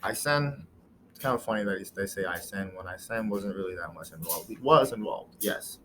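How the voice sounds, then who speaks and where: Guy w a lowish voice rambling thru a reaction to a comic episode, real slangy and loose, lil bit of hiss behind. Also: animated, moderate pace, fairly bright tone. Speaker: webtoon reviewer reacting to a new episode. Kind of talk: casual reaction commentary.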